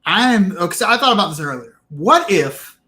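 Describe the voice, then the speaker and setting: Bright-voiced man in animated sports talk. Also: high-pitched, moderate pace. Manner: animated, opinionated, frequent restarts. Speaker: podcast co-host. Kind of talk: casual sports chat.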